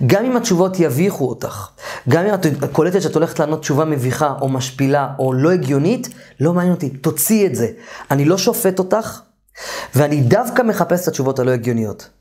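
Animated man giving an informal lecture. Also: a little high. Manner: animated, acts out therapy dialogues with raised voice; trails off and restarts sentences often. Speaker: therapy course lecturer.

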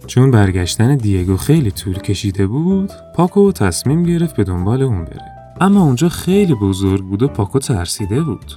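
A man narrating a children's story in a calm, even storytelling manner. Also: on the low side, hardly any pauses, soft background music.

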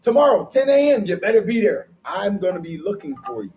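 A man co-hosting a podcast, delivering an energetic, preachy pep talk with repeated catchphrases. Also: sits high, a little fast, lo-fi sound. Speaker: podcast co-host. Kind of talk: hyped promotional pep talk.

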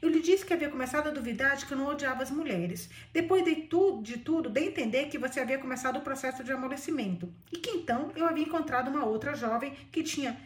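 A woman's voice: sits high, fast talker, hardly any pauses, echoey room, voice pushed up, close to an everyday voice. A woman with a Brazilian accent reading the lines of a brooding young male musician in an earnest, plaintive way. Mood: pleading. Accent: Brazilian Portuguese.

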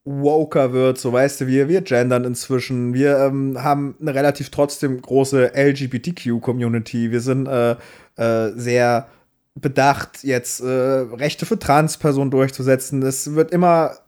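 A young man co-hosting a podcast in casual slangy chat, ranting with quick asides. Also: mid-range voice, little pitch movement, a little mellow. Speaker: podcast co-host and streamer.

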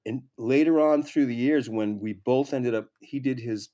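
In casual anecdote mode, a male comedy writer on an interview show rambles, swears often and keeps restarting his stories. The voice sits at medium pitch and normal speed, mellow in tone, though the highs are cut off.

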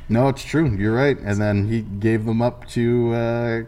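A man's voice: medium pitch, steady tone, a little slow, warm tone. A man co-hosting a review show, chatting casually and chiming in with short agreeing remarks. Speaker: podcast co-host reviewing a TV episode.

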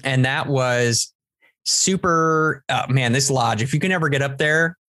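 A man's voice: medium pitch, unhurried, bright, forceful tone, dry recording. A man from San Diego, a podcast co-host, telling a long story in casual chat with lots of restarts. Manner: rambling storyteller, many restarts.

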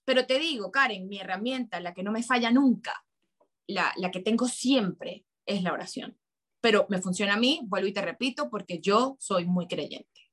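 A woman's voice: medium pitch, moderate pace, a bit bright. Emotional storytelling middle-aged woman. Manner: emotional storyteller, acts out her own quoted words. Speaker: guest. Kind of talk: heartfelt conversation.

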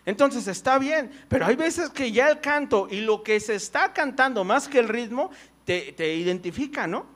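A man's voice: very high voice, lively intonation, normal speed, a bit bright. A man preaching a conversational sermon in church. He tells personal stories, full of fillers and "right?" tags.

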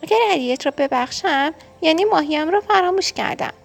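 A woman's voice: sits high, expressive, gravelly, faint music behind, voice pushed up. Woman doing Franklin, a sulky young boy turtle. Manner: raised childlike voice.

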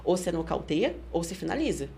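A woman with a Brazilian Portuguese accent, a guest on a studio podcast, telling a story with energy and acting out the shouts of others. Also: lowish voice, sing-song, fast, vocal fry, a little hiss or hum. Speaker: guest fighter. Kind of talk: casual podcast interview.

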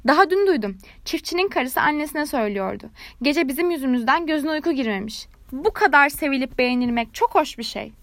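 A talkative, self-satisfied frog from a storybook, voiced by a woman reading the tale. She gushes along sweetly without a pause, pleased with everything she says. The voice sits high and sounds close and dry. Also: lively intonation, a bit bright, no echo. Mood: gushing. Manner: gushing, nonstop talker, sweetly self-satisfied. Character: chatty, smug frog who loves her own voice.

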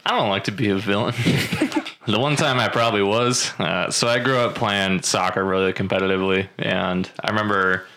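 A man's voice: lowish voice, steady tone, normal speed, sharp tone. A young man co-hosting a podcast, telling stories in a laid-back casual chat and laughing often. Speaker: podcast co-host.

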